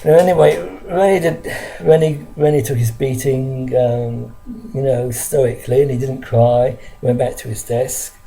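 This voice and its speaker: An older Englishman from London tells a story from his school days to a close camera, in a halting, earnest way with many restarts. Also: mid-range voice, steady tone, creaky, mellow, slight background noise, poor audio. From London, England. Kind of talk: casual spoken recollection to camera. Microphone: camera close in front of him.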